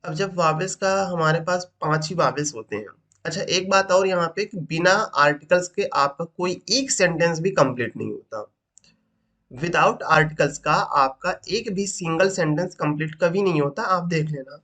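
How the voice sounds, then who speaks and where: Teaching English grammar at a moderate pace, this man speaks a little high with a sharp tone. He repeats every point, throws out rhetorical questions, and frequently says "ठीक".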